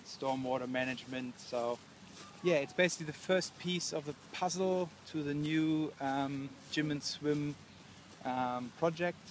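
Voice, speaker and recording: A man in his thirties with an Australian accent, a council project manager giving a relaxed walkthrough outdoors with many ums and restarts. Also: medium pitch, slight background noise. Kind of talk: casual on-site walkthrough. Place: outdoors at a construction site. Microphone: lapel mic.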